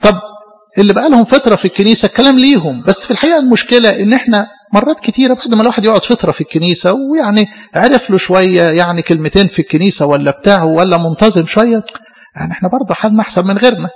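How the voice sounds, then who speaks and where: A man with an Egyptian accent preaches to his congregation, a priest who talks fast and chats as he goes. He acts out short exchanges between people as part of the sermon. His voice sits a little high and husky, carried on a long church reverb. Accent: Egyptian Arabic. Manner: conversational preaching, acts out dialogues.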